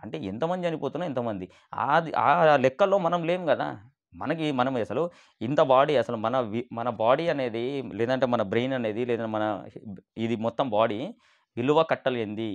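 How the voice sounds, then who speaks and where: A man giving an animated motivational monologue as a business speaker, mixing English words into his speech. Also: medium pitch, normal speed, dull audio.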